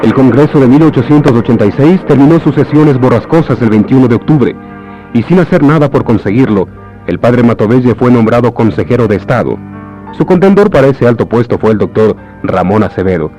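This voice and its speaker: Male actor for solemn radio-serial announcer, old style; soft-edged timbre, dull lo-fi sound. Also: medium pitch, lively intonation, a little fast, lightly acted. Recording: dull lo-fi radio recording, music behind. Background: music.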